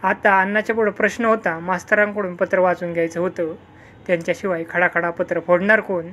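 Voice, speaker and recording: A storyteller narrating a village folk tale. The reading is calm and steady, at a middling pitch. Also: brisk, a little hiss or hum.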